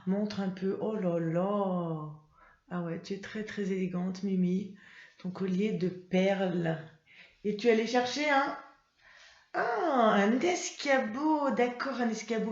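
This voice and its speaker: Slow, patient woman teacher. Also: medium pitch, a little mellow. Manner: patient, spells out letters and sounds. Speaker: primary school teacher. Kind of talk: reading lesson for young children. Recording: roomy, slightly dull sound.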